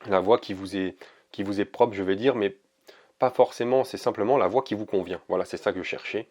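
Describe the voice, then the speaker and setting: A man giving a casual oracle card reading to camera, hesitant and gentle, with many fillers and restarts. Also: fairly low pitch, brisk.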